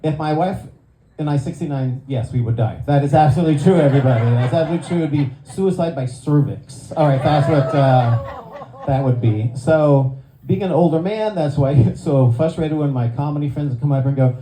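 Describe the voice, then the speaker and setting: A man in his sixties doing a stand-up comedy set, self-deprecating and quick with punchlines, slipping into voices for his friends. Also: on the high side, mellow, slight background noise. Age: 60s. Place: club stage before a live audience. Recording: echoey room, faint crowd ambience.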